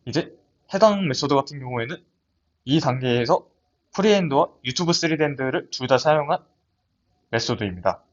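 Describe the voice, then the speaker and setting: A man's voice: mid-range voice, expressive, moderate pace, pauses often. A young man gives a research paper presentation in a lab seminar, talking hesitantly with frequent restarts and fillers. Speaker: student presenter. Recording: dull lo-fi audio.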